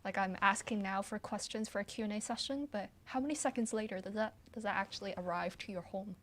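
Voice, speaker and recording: A woman's voice: mid-range voice, fast talker, slight background noise. Chatty woman pianist in a casual livestream Q&A. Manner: chatty and relaxed, trailing off with frequent ums and soft laughs. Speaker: pianist hosting a patron livestream. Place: her apartment, at home with her piano.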